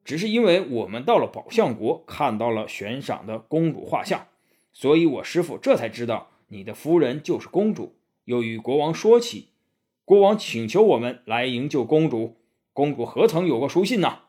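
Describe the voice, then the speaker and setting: A man voicing a loyal, steady male monk disciple in a storybook tale, speaking loud and firm. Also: medium pitch, moderate pace, slightly rough. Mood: stern.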